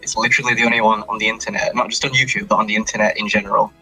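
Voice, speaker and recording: A man telling a rambling story in quick bursts during a casual commentary over a weak call connection. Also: on the low side, flat delivery, sharp tone, soft background music, rough recording. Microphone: home mic on a weak call connection.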